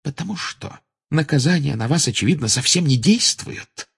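A man reading as a strict older woman professor, his voice lifted above its usual range. She clips her words and delivers her rebukes acerbically, with a husky edge. It is an audiobook character voice. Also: mid-range voice, sing-song, normal speed, pitched above the performer's own voice. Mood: stern. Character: stern older female professor.

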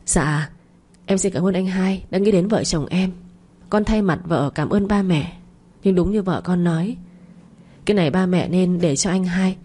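A woman's voice: on the low side, moderate pace, dark tone, husky. A woman voicing a young married man who speaks humbly and respectfully to his family. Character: polite son-in-law, young married man.

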